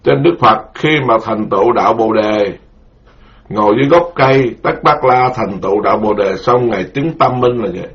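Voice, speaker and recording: A middle-aged man, a Buddhist monk giving a dharma lecture, speaking slowly and repeating key terms for his listeners. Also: on the low side. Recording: dull lo-fi recording.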